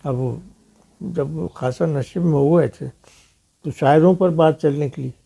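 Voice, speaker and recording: Older male storyteller from Pakistan, gravelly, dark and mellow tone, slightly higher pitch, acts out quoted lines. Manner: recounts stories, acting out others' quoted words. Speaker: interviewee, detective novelist. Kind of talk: anecdotal storytelling.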